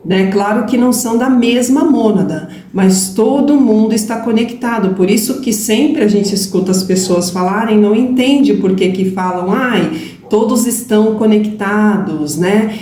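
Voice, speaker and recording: A woman with a mellow, darker voice calmly explains spiritual ideas to her audience, often turning to them directly. The sound is roomy, with a faint hiss behind it. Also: medium pitch, moderate pace, hardly any pauses. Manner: calm, affirming explanations with "gente" and "né?". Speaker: spiritual channel co-host. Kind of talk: casual spiritual talk.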